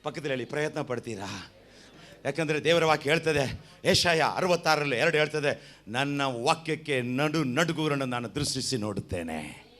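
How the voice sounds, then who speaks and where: A man's voice: medium pitch, moderate pace. A man with a Kannada accent preaching a sermon as pastor, calling on the congregation to answer and repeat after him. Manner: animated preaching with call-and-response.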